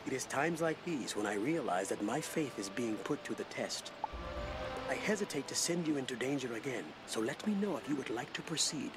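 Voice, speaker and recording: An actor playing a formal, apologetic spiritual guide in a video game, speaking in a measured, courteous way. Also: male voice, mid-range voice, animated, over loud music, lightly acted. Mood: solemn. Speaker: quest-giver character in a video game.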